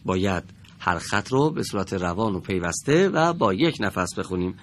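A man teaching Quran recitation to a class, patiently correcting and praising students and slowly modeling the verses. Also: low-pitched, expressive. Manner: drawn-out slow recitation when modeling verses. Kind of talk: classroom lesson with students reading aloud.

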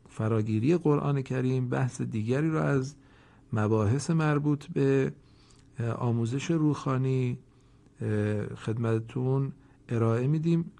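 A man teaching Quran reading in a formal recorded lesson, speaking slowly and deliberately, pausing to let learners answer. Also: mid-range voice, gravelly, mellow.

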